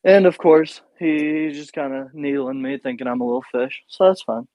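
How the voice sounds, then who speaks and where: A man's voice: on the high side, moderate pace, dry recording, highs cut off. Cocky man telling a casual story. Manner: rambling, profane, cocky storyteller. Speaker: podcast co-host.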